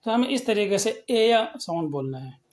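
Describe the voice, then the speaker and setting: A man teaching English pronunciation, explaining step by step and slowly sounding out example words. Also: high-pitched, big pitch swings. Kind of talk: lecture on phonetics.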